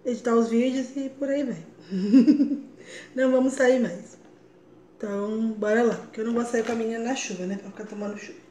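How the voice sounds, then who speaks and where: A woman's voice: a little high, a little hiss or hum. A young woman and mother chatting casually to her viewers as she narrates her day at home. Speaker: vlogger and mother.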